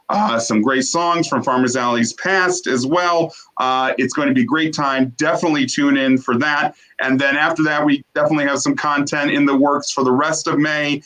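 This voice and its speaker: A man hosting a theater show from home on a video call, talking in a halting way with many fillers, heartfelt and thankful. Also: a little high, fairly bright tone, rough recording. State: briefly emotional, coughing. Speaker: host. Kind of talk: casual closing remarks on a video call.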